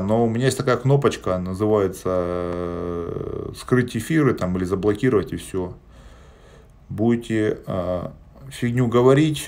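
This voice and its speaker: A man in his forties, with a fairly low, darkish voice, responds plainly and bluntly to viewer questions during a live stream. He's in a small indoor room, hesitates frequently, and is recorded on a phone held at arm's length.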